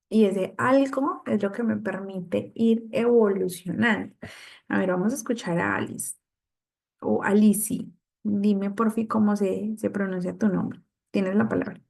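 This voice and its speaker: A woman's voice: medium pitch, gravelly, a little mellow. A woman instructor leading an online class over a video call, reading out and answering students' comments. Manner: reads out and answers participants' comments. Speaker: course instructor.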